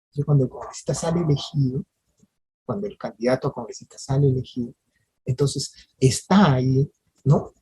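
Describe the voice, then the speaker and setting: A lecturer at a parliamentary training workshop speaks to an audience in a warm, mid-range voice with a breathy edge, moving at a brisk pace. They address listeners directly with tag questions, often restarting phrases and repeating words, and the recording quality is low.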